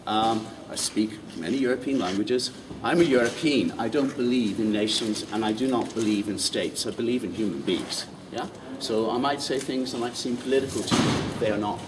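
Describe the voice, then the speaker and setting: An Irish walking-tour guide with a lowish voice gives a talk to a group outdoors in old city streets. He is animated and lively, quizzing the group with questions. The mic is distant, and traffic and street noise come through.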